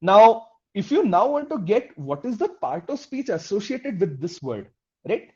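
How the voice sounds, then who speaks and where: A teacher with a mellow, relaxed voice leads a live online coding class and walks through each step patiently. They keep checking that the class is following and put questions to the students. The audio sounds dull and lo-fi. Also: medium pitch, a little slow. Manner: explains step by step, often checking in with "okay?" and "right?"; addresses the class directly with questions. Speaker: instructor.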